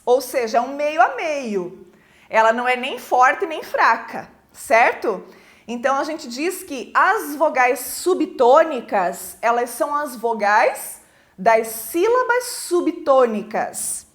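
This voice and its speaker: A Brazilian woman teaching a class. She explains slowly, checks with "certo?" after each point and points to examples on the board. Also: high-pitched, a bit bright. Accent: Brazilian Portuguese. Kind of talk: recorded classroom lesson.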